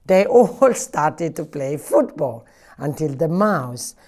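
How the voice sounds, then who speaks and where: A woman working as a library storyteller, reading a picture book aloud to children in an animated way and acting out the sound effects. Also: low-pitched, takes it slowly.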